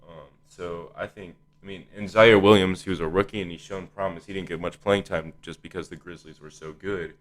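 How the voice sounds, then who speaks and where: A man's voice: sits low, steady tone, brisk, few pauses. A man hosting a casual sports discussion, thinking aloud in a hesitant, conversational way. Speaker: podcast host.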